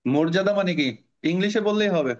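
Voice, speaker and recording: A man's voice: high-pitched, a little fast. A male teacher leading a class, quizzing his students and patiently explaining each point. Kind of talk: online class lecture. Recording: dull lo-fi audio.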